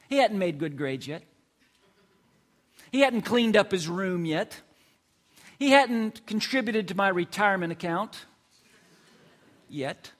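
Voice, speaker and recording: Male pastor, middle-aged, high and animated voice, chatty sermon delivery with rhetorical questions. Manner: conversational, playful preaching with rhetorical questions.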